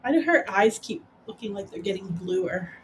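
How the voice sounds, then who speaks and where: Speaker with dry quick quips. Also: medium pitch, expressive, a little hiss or hum. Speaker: co-host of a watch party. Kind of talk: casual chat.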